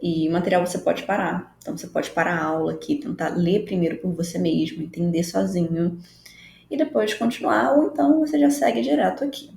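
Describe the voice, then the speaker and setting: A woman teaches an online lesson in a dark, gravelly voice, taking her time. She is patient and explanatory and goes back over key phrases. The room around her rings with echo. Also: lowish voice, a little fast. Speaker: English teacher. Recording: roomy echo, faint background noise.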